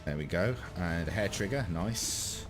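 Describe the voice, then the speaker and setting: A man with a deep voice talks casually through a strategy game. He thinks aloud and drops dry asides, with game music playing behind him. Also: animated, unhurried. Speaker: gamer, video host.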